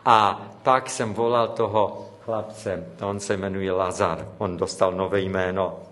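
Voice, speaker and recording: A man's voice: low voice, fairly even intonation, fairly bright tone. A man preaching a sermon, telling a story and quoting prayers and dialogue with rising fervor.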